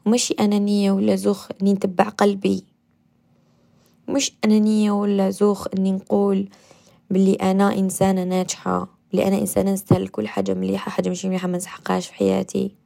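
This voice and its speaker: A radio host with an Algerian Arabic accent leads a guided meditation and self-affirmation talk, gentle and coaxing, repeating affirmations and sometimes dropping to a soft whisper. Her voice is medium-pitched and monotone with vocal fry, and she speaks at a quick pace.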